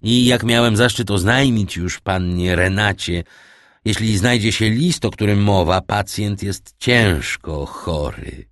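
A man voicing a courteous, self-assured young royal prosecutor in an audiobook, polite and measured. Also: on the low side, expressive, fairly bright tone, dry recording, clean studio sound.

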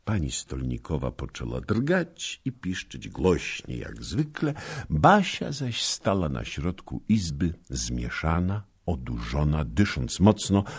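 A man narrating a historical novel in a measured, expressive storytelling manner. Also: very deep voice, breathy edge. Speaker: audiobook narrator.

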